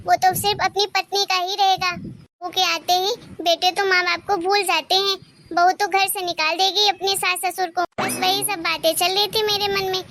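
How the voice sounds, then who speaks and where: A woman's voice: very high-pitched, noisy background. A woman voicing a middle-aged mother-in-law who talks in a homely, affectionate, talkative way in a cartoon story.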